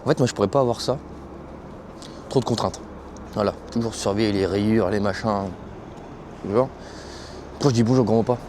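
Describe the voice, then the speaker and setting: With a lowish voice, a moderate pace and frequent pauses, a young French truck driver vlogs by phone from a cold, windy truck stop. He chats to viewers in casual, slangy banter, with faint traffic and outdoor sounds in the background.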